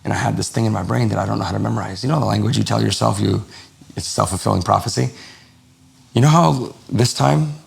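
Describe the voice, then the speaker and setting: A low-voiced, gravelly man talks fast as a podcast guest and lifestyle coach, telling stories in a casual interview. He's animated and acts out the quoted dialogue.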